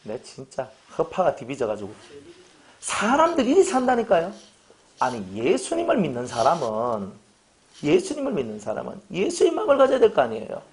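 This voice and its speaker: A man's voice: on the high side, wildly swooping pitch, moderate pace. A middle-aged male pastor preaching a humorous sermon, joking and acting out little dialogues with his congregation.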